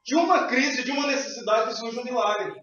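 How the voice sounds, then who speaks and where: A man's voice: extremely high pitch, a little fast, pushed and bright. A man preaching a sermon as pastor, emphatic and repeatedly calling out to his congregation. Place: church hall. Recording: echoey hall, distant, dull sound, faint music.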